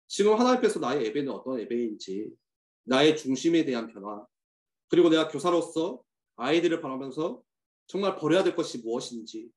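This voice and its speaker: A man's voice: on the high side, a little mellow. A man preaching earnestly to church teachers, telling a personal story with many hesitant fillers. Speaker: youth ministry pastor addressing teachers. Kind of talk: sermon message to church teachers. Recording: echoey room.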